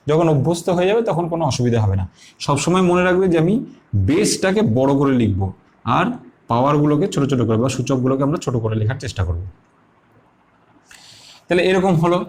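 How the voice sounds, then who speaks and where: A man with a Bengali accent teaching maths, patiently explaining each step slowly and repeating himself, asking questions and then answering them. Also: a little high, darkish tone. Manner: asks and answers his own questions.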